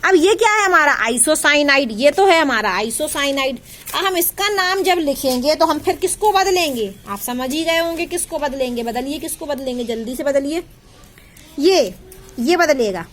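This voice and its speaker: A woman's voice: high-pitched, animated, normal speed, fairly bright tone, a little hiss or hum. A woman teaching a chemistry lesson, repeating terms and quizzing her students with questions. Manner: addresses students affectionately as child. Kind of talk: classroom lecture.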